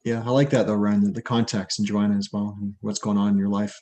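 Male panelist, lower register, conversational explainer who hedges his points. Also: little pitch movement, fast talker, dark tone. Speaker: podcast panelist. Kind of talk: casual explanatory discussion.

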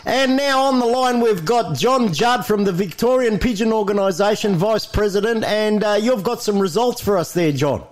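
A man's voice: sits high, moderate pace, few pauses. An Australian man hosting a program in a casual, matey way. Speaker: program host.

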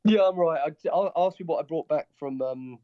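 Over a muffled, lo-fi Skype line, a man with a head cold chats casually as a podcast co-host, his stuffy voice sounding like it's coming through a wall. He speaks at a moderate pace with a fairly high pitch, rambling and correcting himself as he goes, and the recording is dry and dull.

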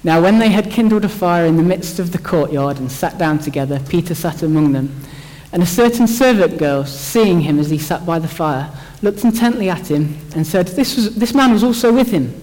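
A young man talks through a Bible story in a loose, joking way, often restarting his sentences as he thinks aloud. His voice sits a little high for a man. The sound carries a long reverb, as if recorded in a large hall. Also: animated, normal speed, few pauses, a little mellow. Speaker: church speaker. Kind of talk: informal Bible talk.

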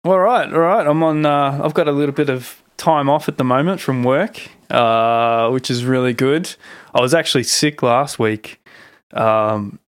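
A man with a smooth, clear voice hosts a casual podcast chat. He sounds close and dry on the microphone, at a medium pitch. His delivery is laid-back and informal. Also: dry recording. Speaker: podcast host, musician.

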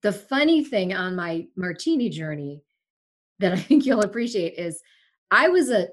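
A medium-pitched female voice at a moderate pace comes through a remote-call mic. She is a Sri Lankan woman in her forties with a long broadcasting career who also hosts a podcast, now being interviewed as a guest in easygoing chat, speaking emphatically and frankly like an animated storyteller.

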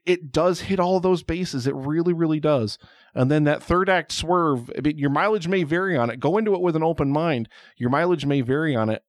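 A male podcast host talks loosely and casually, rambling and joking, and swears freely along the way. His voice sits at an ordinary middle pitch. The sound is dry and close, with no room around it. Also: no room sound. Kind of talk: casual chat.

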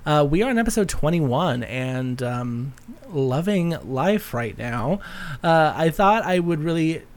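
A man hosting a solo podcast in a casual, rambling, chatty way with a campy touch. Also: on the high side. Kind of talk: casual, rambling personal chat.

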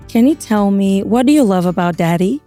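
A woman's voice: mid-range voice, animated, fairly quick, dark tone, faint music behind. A woman speaking casually as a mother in a testimonial, in simple conversational phrases. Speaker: mother interviewee.

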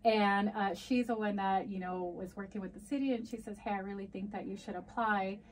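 On a podcast, a community advocate from the US, Spanish being her first language, gives casual answers that slide between Spanish and English mid-sentence. Her medium-pitched voice is fairly even and a bit fast. She's far from the mic, and the poor audio carries a little hiss or hum.

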